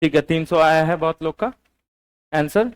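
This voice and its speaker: A man teaches in a high, light voice. He dictates notes slowly, says each phrase twice, and presses his online students for answers. His voice sits well above the usual male range. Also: smooth. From Bihar, India. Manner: slow and repetitive, quizzing online students. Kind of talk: classroom lecture, dictating notes.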